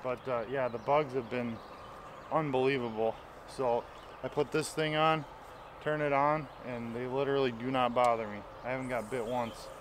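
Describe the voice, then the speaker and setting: A man's voice: mid-range voice, fairly even intonation, normal speed, background noise. A man in his thirties casually talking to the camera while fishing on a small river, enthusiastic and explaining as he goes. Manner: enthusiastic, chatty, explains as he fishes. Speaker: fishing vlogger. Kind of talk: casual outdoor vlog. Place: outdoors on a small river bank and in a canoe.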